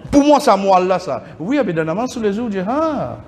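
A man giving a religious lesson in a mosque hall, slowly repeating Arabic words to correct their pronunciation. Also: high-pitched, sing-song, a little mellow. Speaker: religious teacher.

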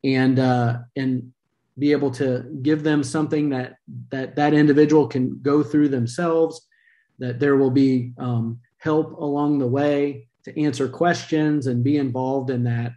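A middle-aged man hosts a podcast interview over video call from a room at home, speaking earnestly with a few fillers. His mid-range voice is mellow and a little slow, with fairly even intonation. The webcam mic cuts off the highs.

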